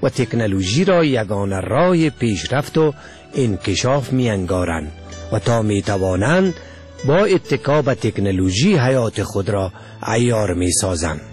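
A man from Afghanistan with an Afghan Dari accent, reading a scripted essay in a measured way. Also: medium pitch, a little mellow. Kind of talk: scripted narration.

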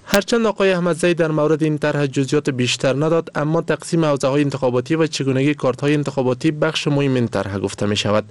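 A man's voice: a little high, few pauses, no echo. A man with an Afghan Dari accent reads a scripted radio news bulletin in a solemn, formal newsreader manner.

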